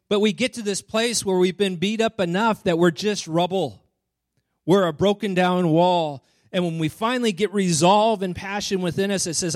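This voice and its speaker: A man's voice: high voice, no echo. A man delivers a sermon in a slightly raised voice, earnest and driving toward emphatic exhortation. He stumbles over repeated words as he pushes forward. The sound is dry and close, with no room around it. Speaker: preacher.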